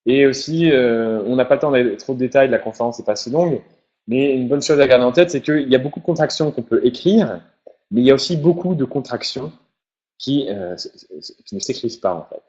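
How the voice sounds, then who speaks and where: A man explains English grammar in a relaxed, informal lesson. He often stops to repeat example phrases slowly. His voice sits at an ordinary pitch, and the recording sounds dull and lo-fi. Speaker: English teacher.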